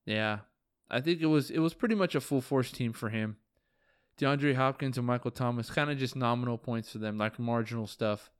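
Recorded dry and at studio quality, a man with a clean mid-range voice speaks at normal speed during his casual solo fantasy football recap. Tired and yawning, he cracks loose jokes, curses now and then, and pokes fun at his league friends.

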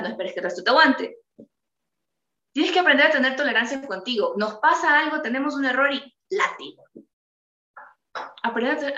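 A woman's voice: a little high, a bit bright, reverberant, lo-fi sound. A woman giving a motivational talk, earnest and full of rhetorical questions to her listeners. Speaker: motivational speaker.

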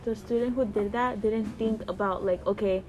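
A woman's voice: medium pitch, fairly even intonation, moderate pace, over a noisy crowd, rough recording. A teenage girl co-hosting a student podcast, talking in casual chat and rambling with lots of "like" fillers. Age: teens.

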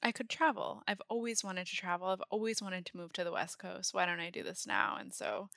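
Young woman from Maine, crisp bright voice, lowish register, chatty guest who laughs easily. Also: a little fast, dry recording, studio quality. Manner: laughs often, says "like" a lot. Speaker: podcast guest, nutritionist. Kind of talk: casual interview talk.

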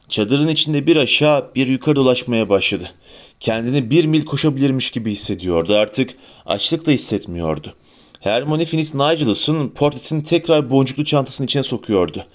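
A man narrating an audiobook in a steady, even storytelling manner. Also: medium pitch.

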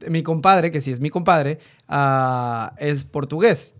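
A man in his thirties with a Mexican Spanish accent, a guest on a casual podcast. He tells stories in a joking way, full of slang and asides. His voice sits a little high for a man. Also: takes it slowly, fairly bright tone. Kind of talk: casual chat.

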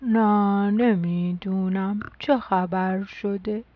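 A woman voicing a slow, sleepy little creature that lives under a tree, speaking softly. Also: mid-range voice, steady tone, no room sound, lo-fi sound, lightly acted. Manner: slow, soft and drowsy.

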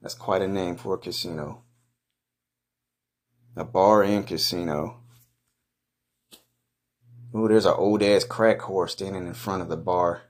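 Deep-voiced man, crude running commentary. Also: steady tone, measured pace, long pauses. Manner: crude, profane, slangy; mocking, blunt. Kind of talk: casual improvised first-person running commentary.

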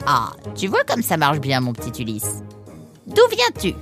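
A woman voicing a large, sly, motherly female fox in an audiobook, talking in a slow, coaxing way. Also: low voice, wildly swooping pitch, fairly bright tone, soft background music, full character voice. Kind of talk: audiobook character voice.

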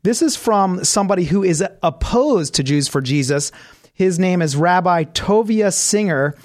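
A man's voice: high-pitched, animated, moderate pace, dry recording, studio quality. A man hosting a radio interview, asking friendly, leading questions. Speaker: host.

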